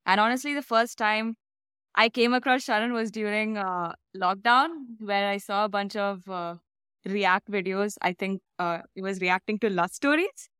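Brief: giggly podcast host, woman, smooth voice, dry close sound. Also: mid-range voice, normal speed, pushed and bright, no echo. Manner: bubbly, giggly, loose fillers. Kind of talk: casual chat.

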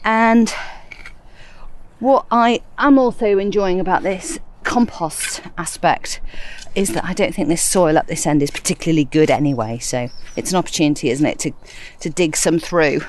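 A woman's voice: on the low side, moderate pace. A middle-aged woman chatting casually to listeners while planting in her garden, a little out of breath. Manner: chatty, self-amused, talking to listeners while working. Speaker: gardening podcast host. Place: outdoors in a garden.

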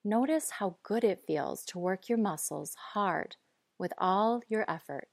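A woman guiding breathing and muscle relaxation in a calm, measured, instructive way. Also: medium pitch, creaky, no echo, clean studio sound. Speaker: guide.

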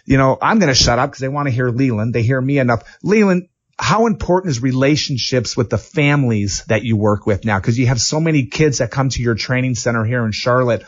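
A man's voice: mid-range voice, animated, a little fast, muffled recording. A man hosting an interview in an office, telling stories with enthusiasm and acting out what people said. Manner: enthusiastic storyteller, acts out quotes. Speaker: interview host, former hockey player. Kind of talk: casual interview.

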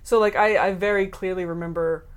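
A woman from the American South chatting casually, telling animated stories with many ums and restarts. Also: on the low side, fairly quick. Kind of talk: casual chat.

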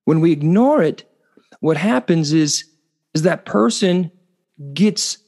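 A man's voice: a little high, expressive, slow, gravelly, a little mellow. A man hosting a solo relationship podcast, explaining in an earnest, teaching way and often restarting and repeating words mid-sentence. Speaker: podcast host.

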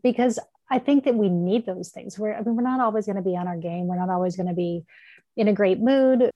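A woman co-hosting a casual chat, speaking in a gentle, reflective and affirming way. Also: mid-range voice, fairly quick, no echo, dull audio. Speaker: podcast co-host. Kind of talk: casual faith-based chat.

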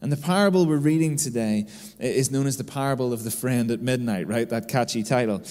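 A man's voice: medium pitch, brisk, darkish tone. A man in his thirties giving a conversational sermon as a pastor, telling stories and tagging his sentences with "right?". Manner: storytelling, keeps adding "right?" tags. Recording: long reverb of a hall.

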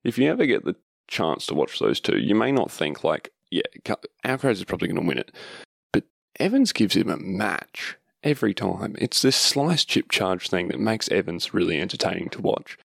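A man's voice: low voice, very animated, normal speed, vocal fry, fairly bright tone, slightly rough, no room sound, clean studio sound. A man hosting a casual, rambling solo sports podcast just after having his wisdom teeth out. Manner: rambling, informal, self-interrupting. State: recovering from wisdom teeth removal. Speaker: podcast host.

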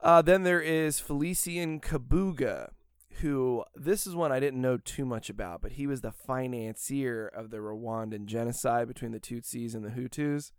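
A man's voice: mid-range voice, normal speed, clear, resonant tone, no room sound, clean studio sound. An American man chatting casually as a podcast host, rambling, swearing and laughing often. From United States.

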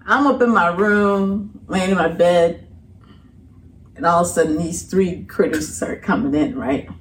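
A middle-aged woman telling a personal story in a casual, colloquial way as a podcast guest. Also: a little slow. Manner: animated, colloquial, breaks into laughter and high voices when quoting. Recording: distant mic with faint background noise.

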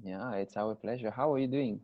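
A man's voice: lowish voice, brisk, highs cut off. A man hosting a podcast interview, introducing and questioning a guest. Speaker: podcast host.

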